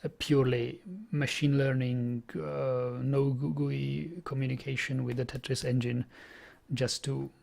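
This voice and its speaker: On a programming stream, a young man from the Czech Republic talks in a relaxed, chatty way, repeating words while he works through his thoughts. His Czech-accented voice is medium in pitch, creaky and somewhat dark, with a flat, slightly slow delivery.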